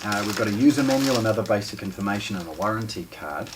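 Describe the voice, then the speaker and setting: In a room with shelves of discs and a wooden table, a forties-aged New Zealander demonstrates an unboxing for a hi-fi shop. His fairly low voice is expressive as he explains informally with mid-sentence pauses, captured by a distant mic amid noticeable background noise.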